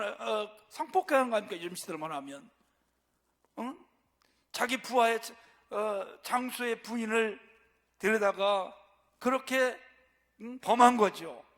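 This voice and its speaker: High-voiced pastor preaching in a church hall. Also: male voice, big pitch swings, unhurried, long pauses, a bit bright. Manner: asks rhetorical questions and answers them. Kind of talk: sermon. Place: church sanctuary. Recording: long church reverb.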